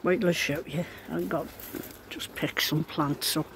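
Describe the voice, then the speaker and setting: A man's voice: on the high side, steady tone, unhurried, fairly bright tone. A man with a Liverpool accent giving a casual, resigned video commentary in a downcast way, on an amateur recording. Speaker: amateur vlogger. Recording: amateur recording with background noise.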